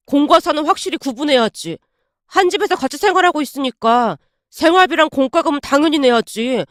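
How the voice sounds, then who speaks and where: A coolly condescending young husband in a dramatized story, put on by a woman narrator. He talks down with smug patience and turns to loud insults. The voice sits high and swings widely, with a close, dry sound. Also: no room sound. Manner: calm and patronizing, then shouting insults.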